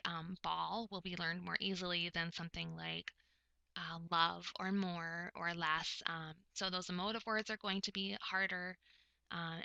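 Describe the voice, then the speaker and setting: Woman lecturing slowly with pauses, super bright voice w some fry, dry sound. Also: lowish voice, no echo, muffled recording. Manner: explanatory, measured, frequent pauses. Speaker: presenter explaining speech of the hard of hearing. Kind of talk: recorded lecture.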